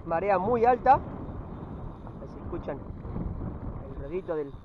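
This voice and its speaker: A man's voice: high voice, animated, takes it slowly, phone-quality sound. A man with an Argentine accent hosting a fishing show outdoors, chatting upbeat to viewers from a windy riverbank. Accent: Argentine Spanish. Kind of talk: casual outdoor commentary.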